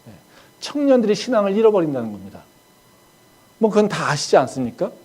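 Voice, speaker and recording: A male pastor preaching a sermon in a conversational way, asking the congregation rhetorical questions and acting out quoted lines in a hushed voice. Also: high-pitched, sing-song, fast, husky. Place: church.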